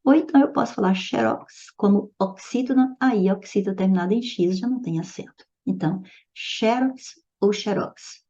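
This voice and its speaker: A woman teacher with a slightly gravelly, mellow voice works through grammar questions in a recorded lesson. She explains each answer patiently and keeps checking that the listener is following. The sound is a little dull and lo-fi. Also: medium pitch, a little fast, few pauses.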